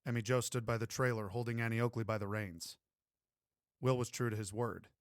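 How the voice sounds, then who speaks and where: A man narrating a romance audiobook in a steady, even storytelling way. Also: medium pitch, a little fast, dry recording, studio quality. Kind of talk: scripted narration.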